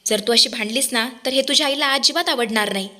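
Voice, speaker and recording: Woman reading a calm young guy talking someone down, gentle reasoning. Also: high-pitched, quick pace. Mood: soothing. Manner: soothing, reasoning. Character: calm young man, steady protector.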